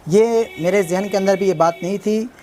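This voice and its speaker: Over a slight hiss or hum, a man with a high but dark-toned voice teaches Urdu writing at a moderate pace. He patiently builds each word one letter at a time, says it again, and wonders aloud what it turns into, working through the lesson step by step.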